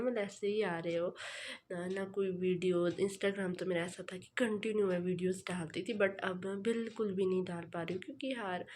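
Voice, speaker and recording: A woman's voice: on the low side, darkish tone, a little hiss or hum. Rambling young woman vlogger, tired. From Himachal Pradesh, India. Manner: fast, rambling, with many fillers. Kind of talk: casual vlog chat. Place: home.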